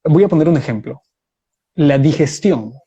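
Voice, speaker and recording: Heard through a muffled recording, a man's voice is a little high, husky and mellow, with lively intonation. He is a debate guest on a live video call, answering calmly and explaining his view step by step with examples.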